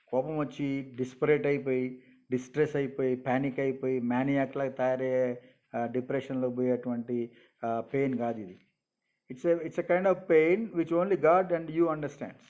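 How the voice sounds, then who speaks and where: A man's voice: medium pitch, a little mellow. A middle-aged man, a bishop preaching a sermon and telling stories, dropping English phrases. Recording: dull lo-fi sound.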